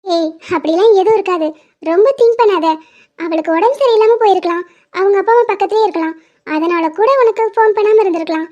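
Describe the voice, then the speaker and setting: A caring young college friend, voiced by a woman, reassures and teases in an animated love story. The voice is very high and mellow. The sound is muffled and lo-fi. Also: fast talker. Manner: reassuring, teasing. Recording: dull lo-fi audio.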